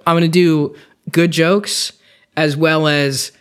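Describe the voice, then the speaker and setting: A man's voice: fairly high pitch, fairly even intonation, slow, clean tone. A man chatting casually as the host and dungeon master of a tabletop gaming podcast.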